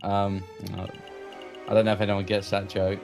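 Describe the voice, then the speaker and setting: A man's voice: fairly low pitch, monotone, normal speed, music in the background. A man joining a game playthrough as a guest, joking and rambling in casual chat. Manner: joking, rambling, self-deprecating. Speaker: guest co-player.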